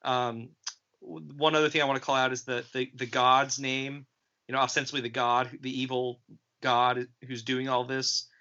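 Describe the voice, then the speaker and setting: A man on a casual movie podcast, hesitant and full of ums as he works through his thoughts. His voice is bright and forward, and the audio sounds dull and lo-fi. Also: mid-range voice, flat delivery, moderate pace. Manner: hesitant, many ums and restarts. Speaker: podcast co-host. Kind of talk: casual film review chat.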